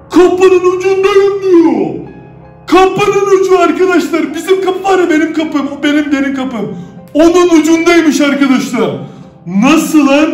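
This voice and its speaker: A male YouTuber at home, chatting excitedly to viewers, loudly claiming to be scared and swearing now and then. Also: extremely high pitch. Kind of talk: staged scary chat to viewers. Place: indoors at home. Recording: roomy echo with faint music.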